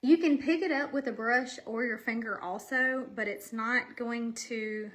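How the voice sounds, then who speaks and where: A woman's voice: fairly high pitch, measured pace, fairly bright tone. A woman, chatting casually and a little out of breath while hosting a makeup live stream from home, rambling and talking straight to her viewers. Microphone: camera facing her.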